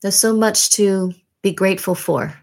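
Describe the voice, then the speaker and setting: A woman hosting a podcast, reading a scripted monologue in a measured, deliberate way with reflective pauses. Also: mid-range voice. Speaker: podcast host. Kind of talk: scripted narration, year-in-review monologue.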